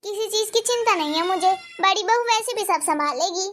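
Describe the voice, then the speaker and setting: A woman voicing a calm, wise, firm older mother-in-law in a cartoon, speaking in a steady, advising tone. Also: very high voice, brisk. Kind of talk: cartoon dubbing.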